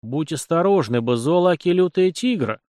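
A man voicing a dry, gruff garrison commander in a storybook reading, teasing in a clipped way. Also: a little high, animated, moderate pace, a little mellow, dry recording, voice pushed up, close to an everyday voice.

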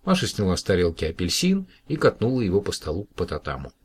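Deep, husky man for storybook narration, expressive and animated in his telling. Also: fast talker. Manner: expressive, shifting voices for characters. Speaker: audiobook reader.

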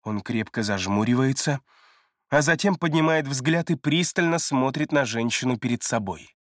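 A man steadily narrating a thriller audiobook in a measured storytelling manner. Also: mid-range voice, expressive, fairly bright tone, dry recording. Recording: dry close studio read.

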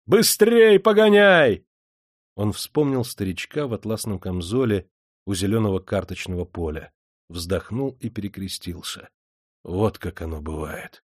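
Brief: male audiobook narrator, expressive and animated. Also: low-pitched, dry recording, studio quality. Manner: expressive reading.

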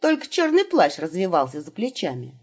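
A woman narrating a humorous fantasy audiobook with expressive, ironic delivery. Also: fairly low pitch, fairly quick, slightly rough, dull audio. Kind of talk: scripted narration.

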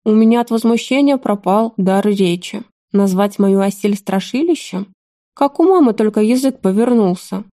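A woman narrating an audiobook with a mellow, warm timbre. Her reading is even and measured, recorded close and dry with no room echo. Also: medium pitch. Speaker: audiobook reader.

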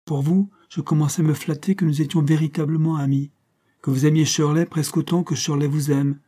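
Male narrator playing a spirited young heiress, emphatic, indignant, pitched up. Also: steady tone, brisk, mellow, close to an everyday voice. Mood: affectionate firm. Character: lively outspoken young heiress woman.

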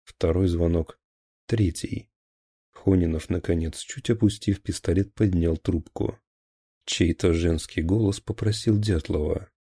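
A man narrating an audiobook in a measured, grave storytelling manner. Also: low-pitched, fairly even intonation, warm tone, breathy edge, no echo.

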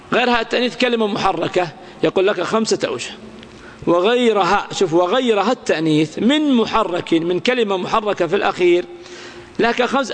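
A high-pitched man teaches grammar to a class. He recites lines of verse slowly and breaks them down with examples, throwing questions to his students. His voice trails off in a long hall reverb. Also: a bit bright.

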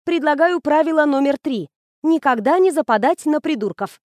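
A woman's voice: high voice, moderate pace, no echo, clean studio sound, voice pushed up. A woman reading the lines of a shy, smitten young woman student in an audiobook. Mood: flustered. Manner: bashful, flustered, excited.

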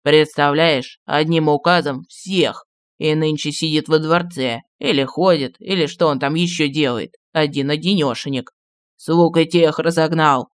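Мужчина-чтец аудиокниги озвучивает старого маршала в отставке, неторопливого и ворчливого, который вспоминает былое. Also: male voice, fairly even intonation, clear, resonant tone, no room sound, close to an everyday voice. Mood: confiding. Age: older. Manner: slow, low, grumbling reminiscence. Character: old retired marshal, gruff, nostalgic, secretive.

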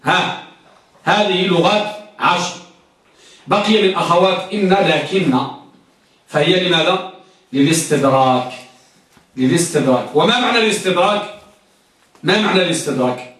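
A man's voice: sits high, moderate pace, long pauses, fairly bright tone, far from the mic. A man teaching a grammar class, quizzing his students and repeating each point until it sticks. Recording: echoey classroom recorded from afar.

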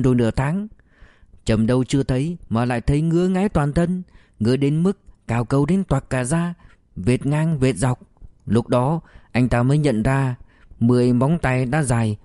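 A man narrates a story for an audiobook, with measured, expressive pacing. His tone is mellow and darkish and middle in pitch. The sound is dry and close, with no room around it. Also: no echo.

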